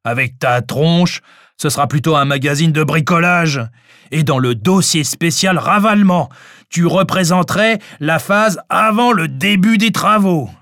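A man reading an audiobook, voicing a mocking old man who drawls out his jokes slowly. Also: high-pitched, animated, darkish tone, no room sound, clean studio sound, voice pushed up. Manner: slow, mocking.

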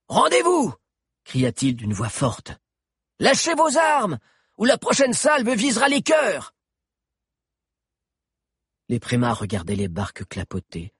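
A man tells an adventure in the first person with steady, dramatic storytelling. His voice is very husky and breathy at a mid pitch. The recording is dry and close, with no room around it. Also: no echo. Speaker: audiobook narrator. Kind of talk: first-person scripted narration.

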